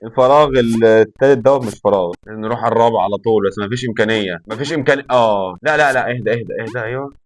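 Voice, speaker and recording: A young man with an Egyptian accent giving excitable let's play commentary, talking to himself and the game and yelling in frustration. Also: mid-range voice, very fast, hardly any pauses. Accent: Egyptian Arabic. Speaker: gaming YouTuber.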